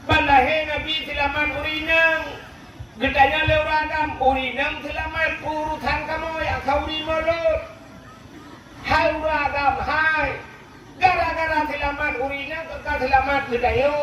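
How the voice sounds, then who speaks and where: A man's voice: very high-pitched, steady tone, measured pace, bright, forceful tone. A man preaching a religious sermon in an Acehnese accent, emphatic, calling out to the gathering and reciting Arabic prayers. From Aceh, Indonesia. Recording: very echoey, far from the mic, faint noise.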